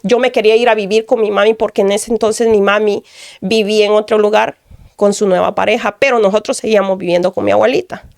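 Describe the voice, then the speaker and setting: A woman's voice: mid-range voice, fairly even intonation, fast, creaky, a little mellow, no room sound, clean studio sound. A woman from Guatemala giving an earnest personal testimony, repeating phrases and often addressing the pastor. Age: adult.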